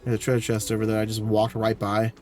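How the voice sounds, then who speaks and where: A man's voice: lowish voice, monotone, fast, a little mellow. Sarcastic male streamer. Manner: sarcastic asides, swearing, mock outrage. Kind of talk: live game stream, reading dialogue aloud. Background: faint game music.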